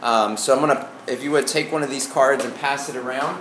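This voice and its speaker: A male pastor with a Southern accent from Arkansas teaches in an informal, folksy way. His mid-range voice moves haltingly, doubling back on the openings of phrases. The room rings with echo, and a faint noise sits behind him. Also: mid-range voice, a bit bright. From Arkansas, United States. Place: indoor room before a congregation.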